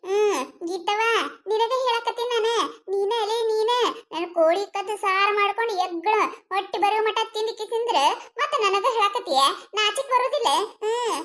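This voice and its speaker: A shrill, very high-pitched village woman with a North Karnataka accent wails over her lost hen, as a woman puts her on. She curses and accuses her neighbours loudly. It is a cartoon comedy voice. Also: moderate pace. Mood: accusing. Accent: North Karnataka Kannada. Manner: wailing, cursing, accusing.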